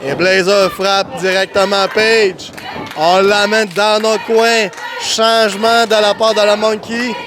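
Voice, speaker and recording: A man giving live play-by-play as a wrestling commentator, excited and exclamatory, often shouting. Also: high voice, slow pace. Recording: noisy crowded venue, loud crowd behind. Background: crowd and event noise.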